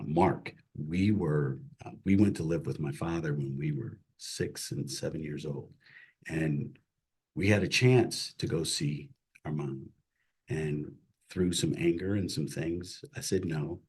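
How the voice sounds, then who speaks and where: A middle-aged man, a chaplain, telling his personal faith story as an interview guest in an earnest, emotional way that drops to a hush at hard moments. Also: very deep voice, slightly rough. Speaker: chaplain and CPE director, guest.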